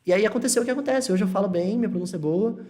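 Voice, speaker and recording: Brazilian male English teacher, live-stream lesson, reassuring and animated, repeats key points. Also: high-pitched, very fast. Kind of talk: live-stream lesson reading chat questions.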